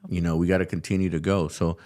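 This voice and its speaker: Male talk-show host from California, deep voice, casual and upbeat, rambling with restarts, studio recording. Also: level tone, fast talker, warm tone. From California, USA. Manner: upbeat, loose, lots of fillers and restarts. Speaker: podcast host. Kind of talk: casual interview chat.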